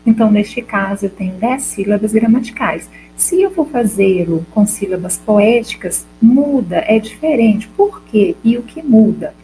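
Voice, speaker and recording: A woman's voice: mid-range voice, lively intonation, unhurried, hardly any pauses, mellow, slight background noise, rough recording. A Brazilian Portuguese-speaking woman teacher giving a recorded class lesson, explaining step by step and asking the class questions she then answers herself. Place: classroom or home for a school video lesson.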